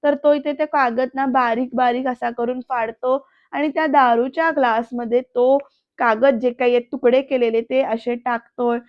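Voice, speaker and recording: A woman's voice: sits high, fairly even intonation, normal speed, no room sound, highs cut off. A woman narrating a casual voice-over recap of a TV serial, talking straight to the viewers. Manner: chatty, addresses viewers directly. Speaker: serial reviewer. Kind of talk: casual voice-over episode review.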